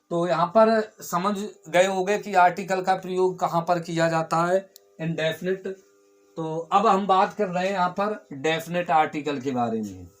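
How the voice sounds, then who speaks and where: A male teacher giving a classroom grammar lesson, explaining step by step and repeating key words, often asking the class a question and answering it himself. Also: on the high side.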